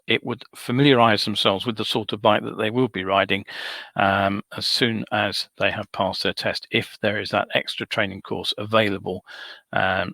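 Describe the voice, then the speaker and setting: A man hosting a live motorcycle safety webcast, talking in a measured, advisory way with frequent ums and uhs. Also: lowish voice, vocal fry, bright, forceful tone, no room sound. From United Kingdom. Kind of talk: solo live webcast talk.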